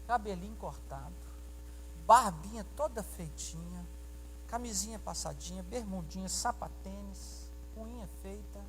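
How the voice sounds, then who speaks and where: Pastor preaching in an echoing church. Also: male voice, sits high, unhurried, slight background noise. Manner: animated storytelling, acting out dialogue and questioning the congregation. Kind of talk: sermon. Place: church sanctuary during a service. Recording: reverberant church hall sound.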